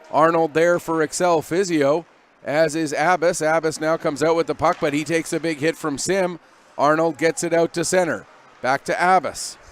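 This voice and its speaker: A man with a fairly high voice calls an ice hockey game play by play. He runs brisk, steady calls from pass to pass, voice lifting when the action heats up. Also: slight background noise. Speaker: play-by-play commentator.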